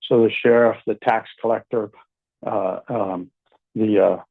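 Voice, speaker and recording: An older man, a county commissioner, calling into a radio interview over a buzzy phone line, speaking haltingly with many fillers. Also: on the low side, steady tone, creaky, no echo. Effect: buzzy phone call audio. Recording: tinny dry phone line.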